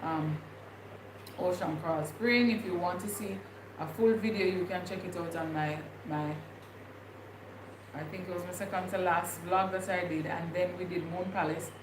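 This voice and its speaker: A young woman with a Jamaican accent vlogs on a livestream in a casual, rambling way, thinking aloud with many fillers. Her pitch is fairly low, her intonation fairly even, her speed normal. The recording has echo and clear background noise.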